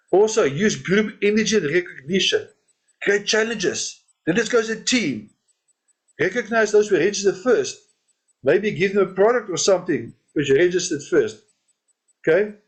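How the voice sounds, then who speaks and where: A man with a high-pitched voice leads an informal training session. He keeps his points simple and repeats them, with a little laugh at his own jokes now and then. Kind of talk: training talk on network marketing events.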